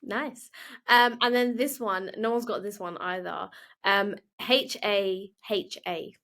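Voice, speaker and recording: A woman hosting a casual interview, running quick quiz games and laughing often. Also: mid-range voice, steady tone, a bit bright. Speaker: host.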